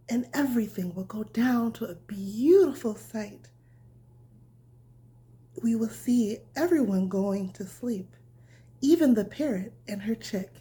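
A woman reads a picture book aloud like a bedtime storyteller, keeping it nurturing and simple as if for a small child. Her fairly high, dark-toned voice is breathy and often sinks toward a whisper.

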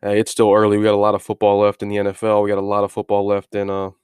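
A man with a fairly low, clean voice gives an informal solo recap as a podcast host. He often repeats words and restarts his phrases, pausing on filler words. The sound is close and dry. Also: completely flat delivery, a little mellow, smooth, no room sound. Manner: halting, frequent filler words. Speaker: sports betting podcast host.

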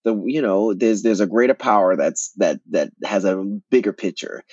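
A man, an actor and playwright, telling his story as an interview guest in an animated way, often repeating words and restarting. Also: fairly low pitch, normal speed, breathy edge, no echo, dull audio.

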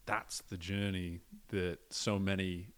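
A man hosting a podcast interview, asking measured, reflective questions. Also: low-pitched, flat delivery, noisy background. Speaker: podcast host.

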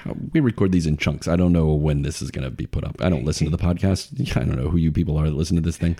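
A man's voice: extremely low pitch, fast, warm tone, breathy edge. A man in his forties co-hosting a podcast in casual chat, joking and laughing often. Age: 40s. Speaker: podcast co-host.

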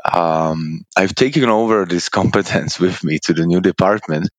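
A man, a guest answering interview questions, speaking haltingly with many fillers and restarts. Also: sits low, no echo. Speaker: guest, procurement department lead.

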